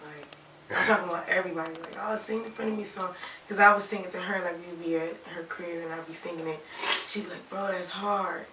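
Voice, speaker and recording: A young woman from Alabama, raised in Ohio, chatting casually in an interview, relaxed and rambling with lots of "like". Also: lowish voice, fairly quick, recorded from a distance, background noise. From Alabama, raised in Toledo, Ohio. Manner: relaxed, rambling, many "like" fillers. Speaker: rapper and singer, interview guest. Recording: echoey room, voice off-mic.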